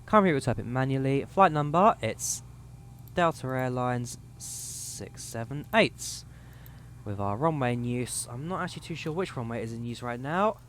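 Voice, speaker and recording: A young man with a mid-range, slightly worn voice speaks over slight background noise. He's giving easygoing live commentary while configuring a flight sim cockpit, reading off numbers and codes.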